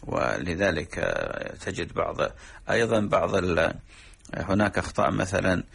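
A man, a sheikh, explaining religious rulings in a measured, teaching way on a radio program. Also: deep voice, fairly even intonation, gravelly, a bit bright, husky. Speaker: sheikh answering religious questions.

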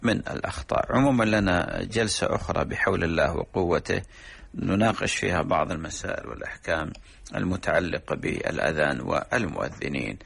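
Deep gravelly-voiced sheikh, unhurried. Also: male voice, animated, fairly bright tone. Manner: measured explanatory teaching with drawn-out pauses. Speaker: sheikh answering religious questions. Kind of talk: religious radio program talk.

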